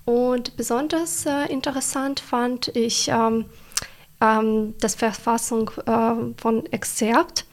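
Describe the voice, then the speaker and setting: A young woman from Ukraine, an exchange student answering interview questions in careful, hesitant speech with many pauses and restarts. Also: fairly high pitch, flat delivery. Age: young adult.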